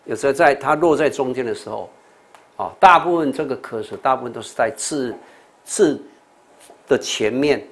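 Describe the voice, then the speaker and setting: An older man with a Taiwanese accent, a monk teaching English pronunciation in a TV lecture, repeating sounds and words with many "oh" and "ha" fillers. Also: medium pitch. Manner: slow, repetitive drilling with fillers like "oh" and "ha".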